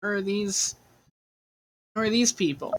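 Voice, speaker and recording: A game master voicing an excited, nosy little half-elf girl who calls out loudly. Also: measured pace, natural voice. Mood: shouting. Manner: shrill calling out.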